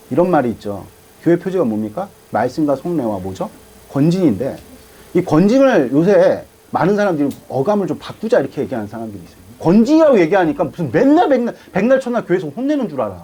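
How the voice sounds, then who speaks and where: A man's voice: a little high, warm tone, slightly rough, rough recording. A man preaching a sermon as pastor, asking the congregation questions and answering them. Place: church sanctuary.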